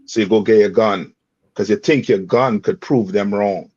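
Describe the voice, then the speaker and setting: Here the teacher's voice is lowish, husky and darkish, with fairly even intonation and a moderate pace. He breaks into the scripture reading with forceful remarks and rhetorical questions, repeating "read on" and "you understand," over a dull, dry lo-fi recording.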